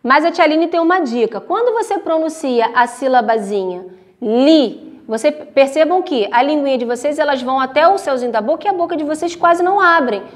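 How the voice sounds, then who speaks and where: A woman with a Brazilian accent teaches a remote class of young children. Her voice sits high, and she keeps tagging her sentences with quick checks. She softens her words into diminutives and stretches out the example words she dictates. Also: expressive. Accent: Brazilian Portuguese. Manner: speaks to children in affectionate diminutives; frequent checks of tá and né. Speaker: primary school teacher. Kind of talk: recorded remote class lesson.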